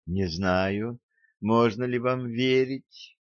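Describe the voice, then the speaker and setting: A man reading a young woman in love in a hushed, soft voice, in a storybook narration. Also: mid-range voice, extremely slow, dry recording, lo-fi sound. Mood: tender.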